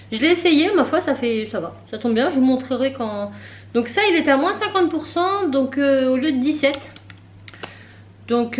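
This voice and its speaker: A woman in her thirties, chatting casually and laughing at herself while she vlogs from her car. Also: high-pitched. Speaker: vlogger. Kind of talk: casual chat vlog.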